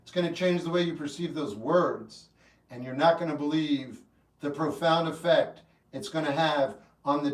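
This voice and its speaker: A man in his fifties hosting a livestream, chatting casually with viewers in a relaxed, rambling way that turns earnest when he gives advice. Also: fairly high pitch. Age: 50s. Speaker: livestream host. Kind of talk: casual chat answering live chat. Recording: roomy echo, mic at a distance, faint guitar music.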